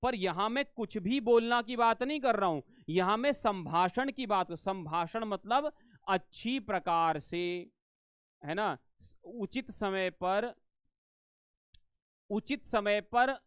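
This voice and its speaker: A man's voice: high voice, expressive, a little slow, fairly bright tone, clear, resonant tone, no room sound, clean studio sound. A man teaching a live online exam-prep class, repeating phrases and quizzing students, often asking if they understood. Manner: addresses students as beta, asks if they understand.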